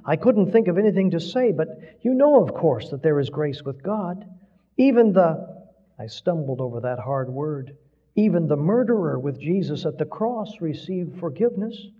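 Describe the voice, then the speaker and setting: A man preaching, telling a story in a slow, solemn voice. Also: a little high, very animated, slightly rough. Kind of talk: sermon story reading. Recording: dull lo-fi recording with long hall reverb.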